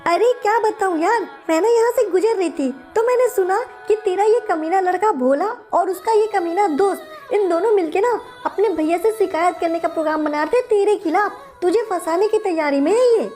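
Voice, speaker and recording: A meddling, gossiping aunty accuses and tattles in a squeaky, very high voice. She sounds sharp and nosy throughout this game story skit. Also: brisk, few pauses, faint music behind. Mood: accusing.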